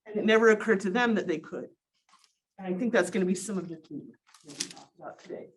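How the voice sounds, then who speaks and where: A middle-aged woman speaks through a cloth face mask in a small meeting room. Her voice sits at an ordinary pitch for a woman. She presents academic material in a conversational way, with wry asides. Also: fast talker, breathy edge, low-quality recording. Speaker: presenter, sociology professor. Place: small conference room, indoors.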